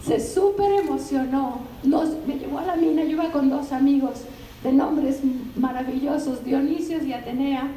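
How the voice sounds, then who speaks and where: Older woman, translator giving a talk, animated storytelling, high-pitched, recorded from a distance in a roomy bookstore. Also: normal speed. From Mexico. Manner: animated, conversational storytelling with asides to the audience. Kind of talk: anecdotal public talk. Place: bookstore event room. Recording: roomy, distant, faint ambient noise.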